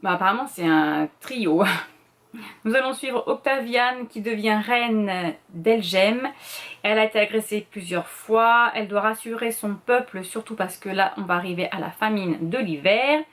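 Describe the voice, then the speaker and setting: A middle-aged woman talks casually about the books she plans to read. She speaks quickly and rambles, dropping fillers and correcting herself as she goes. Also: mid-range voice, fairly bright tone. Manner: chatty, rambling with many fillers and self-corrections; quick talker, admits speaking too fast. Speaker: booktuber presenting a reading challenge list. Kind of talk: casual chat.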